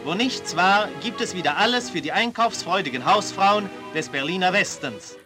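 A man's high, ringing voice in the declamatory manner of an old 1950s newsreel announcer. The sound is distant, like an archive newsreel recording, with strong music playing under him. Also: expressive, moderate pace. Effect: old newsreel narration.

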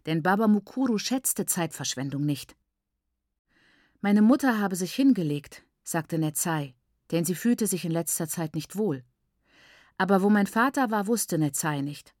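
A woman reads a novel aloud in a measured, steady storytelling manner. Her voice sits low for a woman, and the recording is dry and close with no room sound. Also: no echo. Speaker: audiobook narrator. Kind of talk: scripted narration.

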